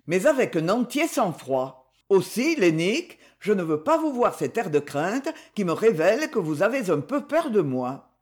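A woman reading the part of a stern, self-possessed young man who disciplines his cousin, firm and measured. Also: on the low side, a little mellow. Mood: gentle. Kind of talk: audiobook novel reading.

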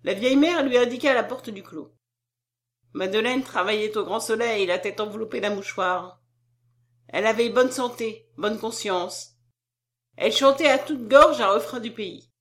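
A woman narrating a classic novel in a steady, measured storytelling voice. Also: a little high. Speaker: audiobook narrator.

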